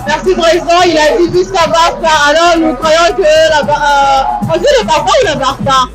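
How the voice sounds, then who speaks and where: A woman with a high voice going from fan to fan at a match screening, asking quick, playful questions. Loud music plays behind her the whole time. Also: fairly even intonation. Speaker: interviewer. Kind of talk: street vox-pop interviews.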